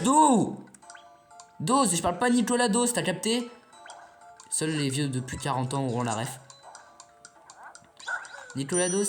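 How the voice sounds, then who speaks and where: A man giving casual, rambling commentary on a video game as a let's play host, chatting to his viewers and swearing now and then. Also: fairly high pitch.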